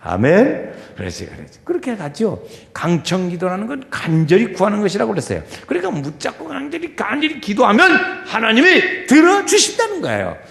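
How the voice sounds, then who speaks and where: Male pastor, sermon, lively swinging pitch, gravelly edge, quiet murmurs to shouted pleading, long hall reverb. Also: brisk, few pauses.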